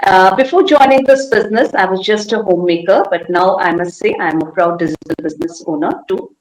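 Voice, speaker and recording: A woman's voice: medium pitch, fairly quick. Nepali woman in an echoey room. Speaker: guest panelist. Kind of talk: casual livestream chat.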